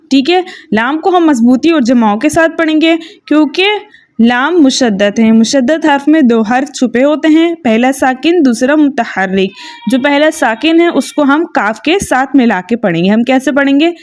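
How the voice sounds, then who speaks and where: A patient woman with a high, darkish-toned voice gives a tajweed lesson with recited examples. She works methodically, repeating "okay" and checking understanding, and slips into slow, drawn-out chanting when reciting verses.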